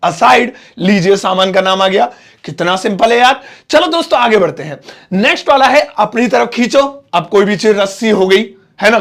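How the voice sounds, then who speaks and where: A man with an Indian accent teaching English phrases in Hindi, chatty, often repeating each phrase slowly word by word. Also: high-pitched, vocal fry, a bit bright. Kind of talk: Hindi-medium English lesson.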